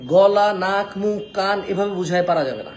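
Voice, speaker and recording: A man's voice: sits high, animated, slight background noise. A man teaching Quran pronunciation in a live online lesson, coaxing viewers to repeat each letter after him and checking in often. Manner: repeats Arabic letters slowly, checks in with "কেমন?".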